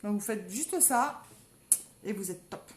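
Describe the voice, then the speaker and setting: A woman's voice: medium pitch, expressive, unhurried, a little hiss or hum. A woman with a southern French accent, chatting casually to viewers in a live makeup tutorial and calling out to them constantly. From south of France. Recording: roomy echo, faint background ambience.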